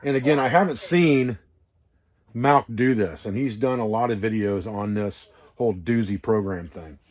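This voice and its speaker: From a wall tent at a hunting camp, a man with a lowish voice speaks at a moderate pace. He's an instructor on an outdoor preparedness vlog, explaining things casually in a rambling, hands-on way.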